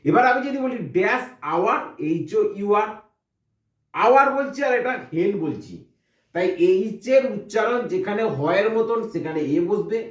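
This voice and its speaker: A man's voice: high-pitched, lively intonation, moderate pace, echoey room, distant mic. A man teaching an English grammar lesson, explaining step by step and asking and answering his own questions.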